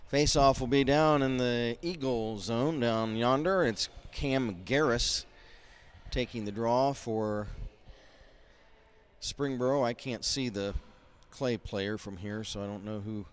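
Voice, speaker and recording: A man calling a high school hockey game play by play, folksy and rambling with lots of fillers, from behind glass up in a rink mezzanine. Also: slow pace, clean tone. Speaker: play-by-play announcer. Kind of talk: amateur hockey play-by-play commentary.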